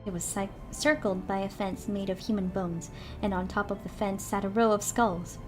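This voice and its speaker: A woman reads a fairy tale aloud in a gentle, mid-pitched voice, pausing for chatty asides to her viewers. Faint music plays behind her. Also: steady tone. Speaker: streamer reading a book aloud. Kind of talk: storybook narration with casual chat.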